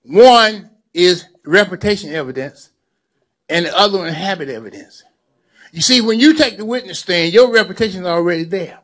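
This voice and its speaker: Speaking at normal speed in a high, slightly bright voice, a man in his seventies, a lawyer and community activist, delivers a preacherly speech to a gathering and repeats phrases to drive points home.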